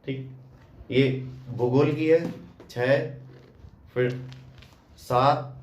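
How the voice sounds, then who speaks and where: A man's voice: a little high, a little mellow. Man coaching exam prep, echoey room. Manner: direct, repeats "ठीक" as a check-in, addresses viewer as brother. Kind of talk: casual coaching talk showing books.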